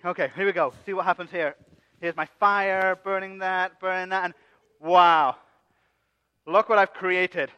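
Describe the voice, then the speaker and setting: A man's voice: high voice, fairly even intonation, brisk, pushed and bright, smooth. Aaron, a man playing a cocky joker. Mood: playful scheming. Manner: joking, coaxing the crowd. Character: Aaron, a cocky, playful male leader. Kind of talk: comic church skit acting. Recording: dull sound with long hall reverb.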